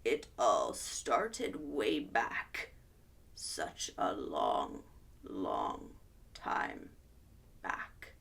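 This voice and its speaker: A woman's voice: wildly swooping pitch, drawn-out words, vocal fry, a bit bright, slightly rough, far from the mic, full character voice. Woman putting on a whispery old hermit man. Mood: secretive. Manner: low growly whisper. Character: secretive grumpy old male hermit.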